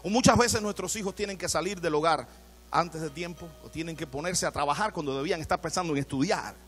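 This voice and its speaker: A male pastor delivering an animated sermon in church, asking his congregation questions. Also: on the high side, fast, faint music behind.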